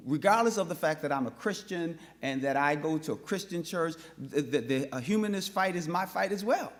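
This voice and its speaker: A panel speaker from North Minneapolis, USA, rallies a live audience in a forum hall with fervent conviction. His voice sits a touch high, animated and fairly quick, and he circles back on words with impassioned, repetitive restarts as he pushes his point.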